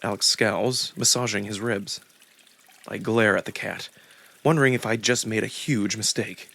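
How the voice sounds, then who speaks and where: With a gravelly, somewhat low voice, a man voices the narrator of a visual novel, delivering the first-person story in a deliberate, expressive manner.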